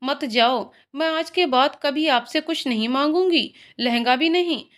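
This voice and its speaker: A woman voicing a little girl who has just lost her mother, with innocent, questioning speech in a high voice. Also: unhurried, a bit bright. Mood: crying.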